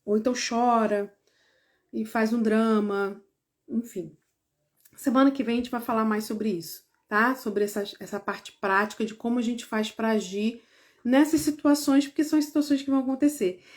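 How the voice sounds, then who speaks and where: A Brazilian woman with a fairly high voice talks parents through everyday situations in a casual, explanatory tone. She speaks conversationally, with lots of tag questions and restarts, and now and then briefly acts out both sides of a parent and child exchange. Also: fairly even intonation, moderate pace. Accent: Brazilian Portuguese. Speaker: parenting educator.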